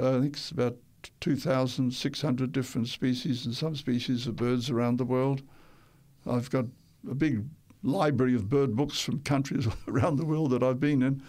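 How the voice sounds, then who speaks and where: With a darkish, mid-pitched voice, an older man from Tonga talks through his life during a radio interview. He drifts somewhat, begins again and corrects himself, and breaks into the odd chuckle.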